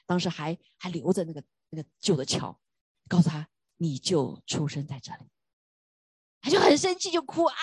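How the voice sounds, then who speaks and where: A woman's voice: deep voice, a little mellow, breathy edge, no room sound. A woman preaching a sermon, telling a story with emphatic rhetorical questions.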